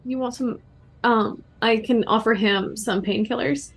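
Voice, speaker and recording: A woman's voice: a little high, steady tone, unhurried, breathy edge. A woman playing a tabletop role-playing game, speaking casually in character.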